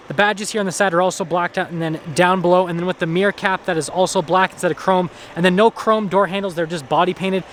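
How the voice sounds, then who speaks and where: A higher-pitched man rattles through the features of a pickup in a casual walkaround review. His delivery is brisk and upbeat, with a faint outdoor hum behind him. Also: fairly bright tone. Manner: quick, upbeat feature rundown. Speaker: car reviewer. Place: outdoors and inside a truck.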